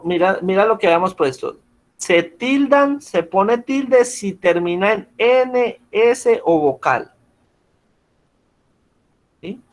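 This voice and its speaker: Male teacher, slightly high voice, patient and questioning, heard over a video call. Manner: patient, checks in with frequent questions. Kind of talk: online class lesson.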